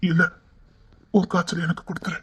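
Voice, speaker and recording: A woman acting as a lonely, tender-hearted man in a Tirunelveli Tamil drama, tearful and pleading, often hushed. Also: fairly low pitch, flat delivery, fairly quick, husky.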